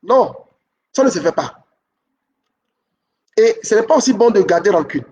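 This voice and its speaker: A man with a notably high voice gives relationship advice in a steady, instructive talk. He drives points home by repeating them and keeps pausing to check that listeners follow. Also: distant mic.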